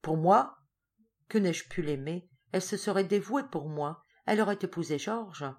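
A woman reading an audiobook voices an irascible, lonely aging father who speaks in loud, indignant outbursts. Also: fairly low pitch, moderate pace, natural voice. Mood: distraught.

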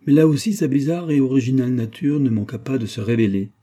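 Dark, husky male audiobook narrator. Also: medium pitch. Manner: measured, literary.

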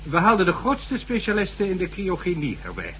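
Using a full character voice, an actor portrays a stern government official in a Dutch radio drama, lecturing in a formal, sardonic, condescending manner with a measured, recounting mood. His high-pitched, fairly bright voice swoops wildly and moves fairly quickly. Faint hum and noise mark the old radio recording.

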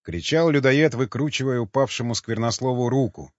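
A man narrating an audiobook with a steady, expressive reading. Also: mid-range voice, moderate pace, no room sound. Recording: dull dry lo-fi sound.

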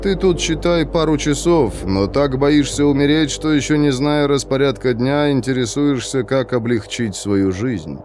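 A man voicing a calm, detached young male prisoner in his twenties who speaks slowly and in a measured, lecturing way. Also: medium pitch, soft background music, natural voice. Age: 20s.

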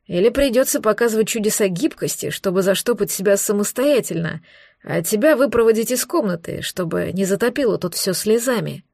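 A woman's voice: mid-range voice, expressive, a little fast, gravelly, darkish tone, dry recording. A woman voicing a wounded male dragon in human form who grumbles with dry, mocking irony, in an audiobook. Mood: grumpy, mocking. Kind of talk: audiobook dialogue.

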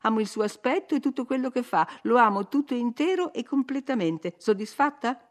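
An impetuous, proud young woman, put on by a female reader in an audiobook, her voice pitched up high and pushed louder. She presses every point with insistent emphasis, swinging from pleading to passionate. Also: expressive, fairly quick, natural voice.

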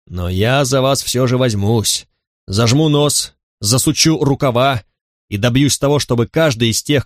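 A man reading a brutal old-school centurion in a storybook, barking and contemptuous toward his recruits. The voice sits at an ordinary middle pitch and sounds dry and close. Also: dry recording, lightly acted. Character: brutal scornful male centurion drill instructor.

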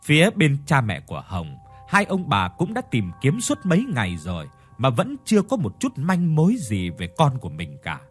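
A man narrates a horror story with dramatic delivery. His voice is husky and moves lively in pitch. Faint music sits beneath it. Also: normal speed.

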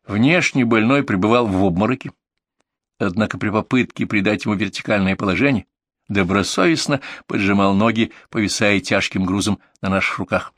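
A man reading a first-person story aloud in steady, vivid audiobook narration. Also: fairly low pitch, fairly quick, dry recording.

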